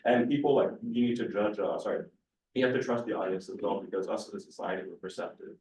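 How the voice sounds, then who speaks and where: A man's voice: lowish voice, fast, a little mellow, slight background noise. A man on a panel talking with animation while he searches for words. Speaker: panelist, illustrator. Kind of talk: panel discussion answer. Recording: echoey room, distant mic.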